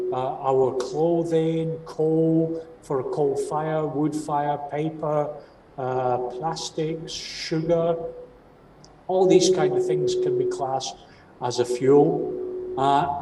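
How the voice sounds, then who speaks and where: A man with a broad Scottish accent giving a training presentation, explaining step by step and often checking that listeners follow. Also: a little high. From Scotland. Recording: distant mic, roomy echo, faint noise.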